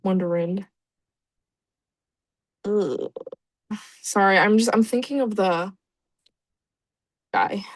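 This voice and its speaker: A woman's voice: mid-range voice, slow pace, pauses often, dry recording. A young woman giving casual let's-play commentary, chatty and reacting aloud with laughs and groans. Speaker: gaming YouTuber.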